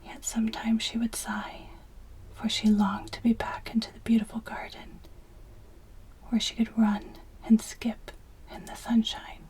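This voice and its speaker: A woman reads a fairytale as ASMR in a breathy, unvoiced whisper, very close to the ear. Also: a little high, completely flat delivery, measured pace, a little mellow, low-quality recording. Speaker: storyteller. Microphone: close ear-to-ear microphone.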